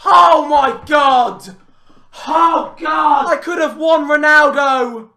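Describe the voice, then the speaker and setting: A young British man reacting to a football video game in a bedroom, exasperated, sweary and repeating himself as he shouts. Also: very high-pitched, slow, creaky. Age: young adult. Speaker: gaming video creator playing a football game. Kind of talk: raging gameplay reaction commentary. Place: small furnished bedroom indoors. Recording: music playing behind the voice.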